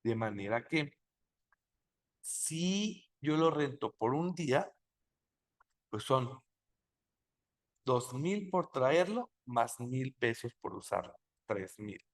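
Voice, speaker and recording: A man teaching a software tutorial, explaining slowly and checking in with rhetorical questions. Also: mid-range voice, sing-song. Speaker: software instructor. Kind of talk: screen-recorded tutorial explanation.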